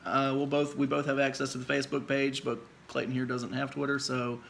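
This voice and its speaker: A man's voice: medium pitch, completely flat delivery, fairly quick, vocal fry, a bit bright, slight background noise. A man co-hosting a casual podcast about monster movies and toy figures, loose and rambling, laughing often. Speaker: podcast co-host. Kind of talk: casual chat. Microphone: podcast microphone.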